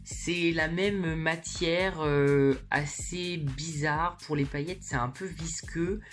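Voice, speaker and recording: A woman's voice: sits low, slow pace, soft background music. A woman chatting informally and candidly to viewers in a slangy, casual makeup haul vlog, recorded in her bedroom. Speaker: beauty vlogger.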